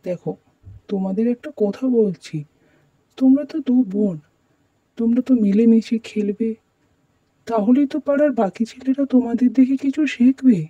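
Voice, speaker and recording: A woman voices a motherly doll who gently lectures her daughters. Her voice is fairly high and very mellow. The lo-fi recording sounds dull and dry. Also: moderate pace, pauses often, dry recording. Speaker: storyteller voicing the mother doll. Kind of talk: doll role-play storytelling.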